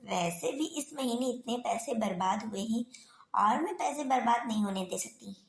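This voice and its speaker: A woman's voice: a little high, lively intonation, normal speed, creaky. Young cartoon daughter-in-law, firm and reasonable, voiced by a woman, roomy echo.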